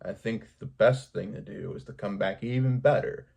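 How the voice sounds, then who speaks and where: Speaking to his viewers at a moderate pace, a man uses a lowish, darkish voice marked by vocal fry. His casual vlog pep talk is unscripted, earnest, and rambling, with repeated lines for emphasis.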